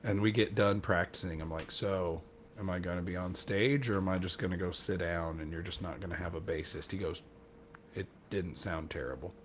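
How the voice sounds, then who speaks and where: A man's voice: low voice, fairly even intonation, a little fast, very noisy. A man on a podcast telling a rambling, self-deprecating story in casual chat, acting out what other people said. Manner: acts out quoted dialogue. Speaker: podcast co-host.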